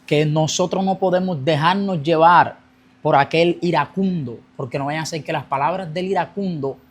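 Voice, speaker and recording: A young Colombian man, appearing as a guest, shares his personal testimony in an earnest storytelling voice. It sits a little high for a man, and he rushes ahead whenever the memories turn intense.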